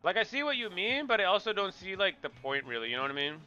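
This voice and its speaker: A man's voice: high-pitched, sing-song, fast, sharp tone, dull audio, faint music behind. A man streaming a game, chatting casually with viewers in a joking, rambling way and repeating himself.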